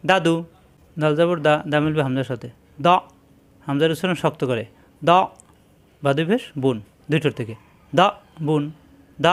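A man teaching Quran letter pronunciation, patiently repeating syllables for his students to copy. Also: on the high side. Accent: Bangladeshi Bengali. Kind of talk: step-by-step pronunciation lesson.

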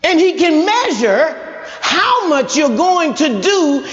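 A man preaching a sermon in a folksy, conversational way, building to shouted emphasis and calling out to the congregation. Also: very high-pitched, sing-song, takes it slowly. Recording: echoey hall, dull lo-fi sound.

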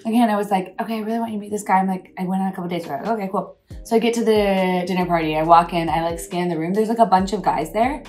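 A woman's voice: mid-range voice, fast talker, a little mellow, soft background music. Enthusiastic chatty young woman. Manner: enthusiastic, storytelling, lots of "like". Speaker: friend. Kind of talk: casual chat.

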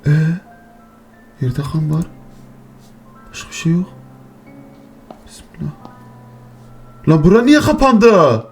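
A man's voice: fairly high pitch, sing-song, slow pace, creaky, pauses often, a little mellow, soft background music. A man hosting a horror game let's play, talking to his viewers, muttering nervously and swearing and shrieking when startled. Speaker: gaming channel host.

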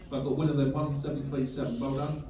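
A man working as a bingo caller, announcing numbers in a measured, formulaic, repetitive way, digit by digit and then whole. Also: medium pitch, flat delivery, a crowd in the background. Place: large echoey indoor bingo hall. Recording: echoey hall, distant, muffled, slight noise.

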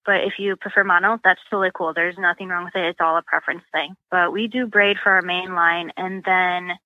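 A woman with a mid-range voice, heard on a dry, lo-fi recording. She's a guest and sponsored catfish angler, explaining catfish rigs and bait in a chatty, casual, practical way, full of ums and you-knows.

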